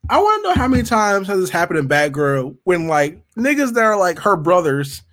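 Animated, high-pitched man with frat-bro banter. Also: fairly quick. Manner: animated, playful riffing. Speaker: podcast co-host. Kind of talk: casual comedic chat about comic books.

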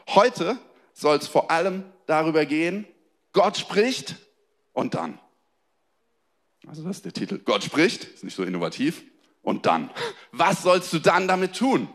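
Young male preacher, lively sermon delivery, drops low and soft then rises with excitement, speaks straight to the congregation. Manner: dynamic, swings between soft low emphasis and raised excited lines; addresses the congregation directly, calls for amen and applause. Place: church hall before a congregation.

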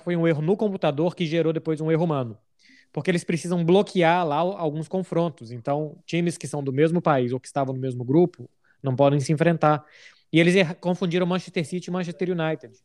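A man's voice: a little high, darkish tone. A Brazilian man hosting a football podcast in a casual, conversational style. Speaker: podcast host.

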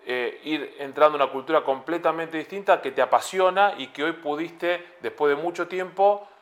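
A man's voice: a little high, moderate pace. A man hosting a TV interview, chatty and joking, asking long winding questions. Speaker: TV talk show host. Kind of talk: conversational interview.

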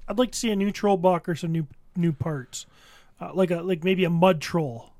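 Excited co-host dude, bit high voice, lots of ums, dry. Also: male voice, moderate pace, dry recording. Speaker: podcast co-host. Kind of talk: casual chat.

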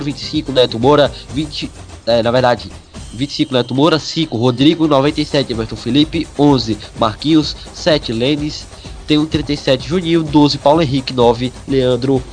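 A Brazilian man working as a radio match reporter, reading out team line-ups in a halting, list-like way and correcting himself as he goes. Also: mid-range voice.

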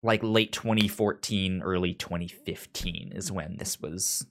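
With a low, steady, fairly bright voice at a slightly slow pace, a man hosts a podcast, stuttering through repeated sounds and words as he chats about his media recommendations and reads parts of their summaries.

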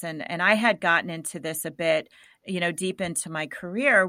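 A woman host in a relaxed business conversation, reflective and affirming as she works through her thoughts. Her voice is bright and forceful, a little low in pitch. The recording is dry and close. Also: no echo. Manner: reflective, affirming, thinks aloud. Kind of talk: casual interview chat.

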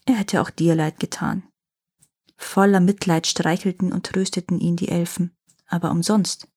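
A woman reads a fairy tale in a calm, unhurried storytelling voice. Her tone is mellow and soft, with a slightly husky grain. She gives the characters' lines a light touch of acting. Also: fairly low pitch. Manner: calm, gently acted dialogue.

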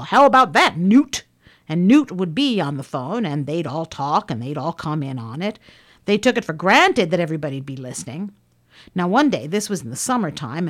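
A woman reading aloud someone's first-person recollections in a lively storytelling manner. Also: lowish voice. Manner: lively storytelling with shifts in loudness. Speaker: reader of recorded recollections.

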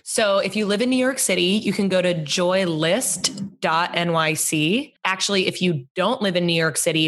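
A woman's voice: lowish voice, fairly bright tone. A young adult woman, a guest on an interview, talking earnestly and thoughtfully about her work. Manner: earnest, thoughtful, laughs easily. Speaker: interview guest, community organizer. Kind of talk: casual interview chat.

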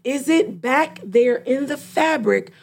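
A woman therapist co-hosts a casual discussion with a high, gravelly voice, lively intonation and a slow pace. Reflective in manner, she often slips into a client's voice to make a point.

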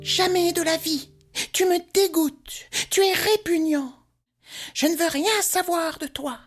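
A man voicing a young forest nymph woman who is fiercely independent, speaking in a shrill, indignant and defiant way. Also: fairly even intonation, takes it slowly, faint music behind. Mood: disgusted.

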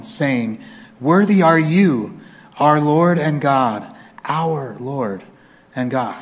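A man preaching a sermon as a pastor in a church. He reads scripture aloud expressively and mixes in humorous, conversational asides. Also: medium pitch.

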